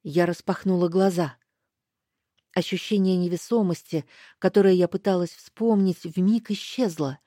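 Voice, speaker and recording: A woman giving first-person audiobook narration in a slow, deliberate way. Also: lowish voice, warm tone, dry recording, clean studio sound.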